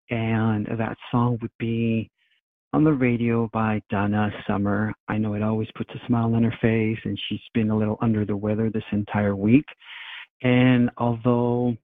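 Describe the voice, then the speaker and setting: Middle-aged man in a phone voice message, low voice, thin dry phone sound. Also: no echo. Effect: recorded phone voice message. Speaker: caller leaving a song dedication. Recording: tinny dry phone line.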